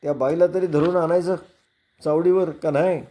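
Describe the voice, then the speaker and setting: A man voicing a quick-tempered village police sub-inspector who barks orders and curses loudly. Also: on the high side, fairly even intonation, pitched above the performer's own voice, natural voice. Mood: angry, bossy.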